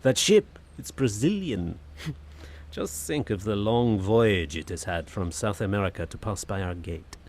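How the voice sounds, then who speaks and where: Wistful delight colors this actor's performance as a refined, poetic 1880s Frenchman in an audio drama, moving between diary narration and dialogue in a florid, theatrical way. His low-leaning voice is expressive, a little slow and mellow, set against music with slight background noise.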